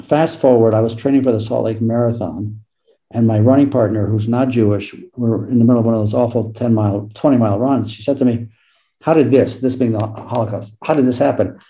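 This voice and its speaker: A middle-aged American man, an author and law professor, answering interview questions with self-deprecating stories and lively quoted dialogue. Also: medium pitch, brisk, rough recording. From United States.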